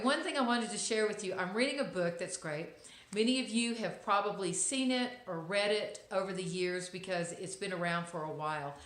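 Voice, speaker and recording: With a mid-range, fairly bright voice, a fifty-something Texan woman talks to camera in an echoey space. Her vlog is a casual, thoughtful piece of inspiration, sprinkled with wry comments and lots of ums.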